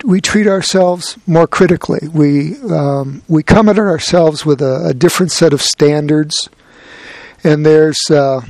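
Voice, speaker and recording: Brief: male meditation teacher, gentle and reflective, unhurried, slightly high voice, dry close sound. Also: no room sound. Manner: gentle, reflective, lightly humorous. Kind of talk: dharma talk.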